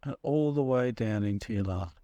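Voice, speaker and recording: A man narrating a guided meditation as a guide, speaking in a measured, soothing way with pauses between short phrases. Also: fairly low pitch, mellow, no echo.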